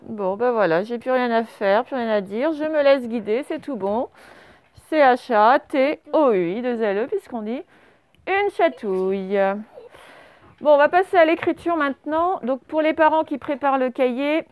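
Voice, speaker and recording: A woman's voice: sits high, animated, moderate pace, a little mellow, clean tone, dry recording. A woman teaching a dictation lesson to young children, patiently spelling out words letter by letter. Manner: patient and encouraging. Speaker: primary school teacher.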